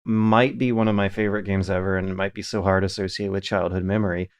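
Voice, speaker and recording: A man in his thirties, a podcast host telling animated stories in casual chat. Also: sits low, quick pace, smooth. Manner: animated storytelling, reads listener questions aloud.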